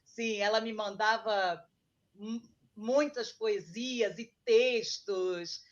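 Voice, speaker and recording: A woman's voice: medium pitch, fairly even intonation, very slow, lo-fi sound. A woman from Argentina, a guest author, chatting casually and reminiscing about her childhood. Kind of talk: casual interview chat.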